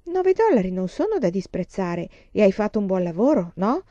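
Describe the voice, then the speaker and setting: A woman reading the lines of a kind, easygoing pioneer father in a gentle, reassuring way. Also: medium pitch, very animated, moderate pace, dry recording, lo-fi sound, close to an everyday voice.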